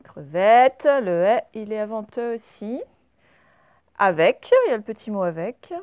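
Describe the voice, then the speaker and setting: A woman with a French accent, a primary school teacher giving a slow, patient spelling lesson to young pupils and stretching out the example words. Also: medium pitch, warm tone, dry recording.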